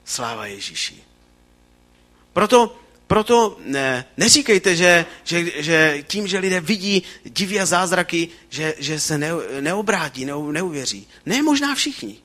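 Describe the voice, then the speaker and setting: A man preaching a sermon in a fervent, animated way, often pausing with fillers and restarting his phrases. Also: sits high.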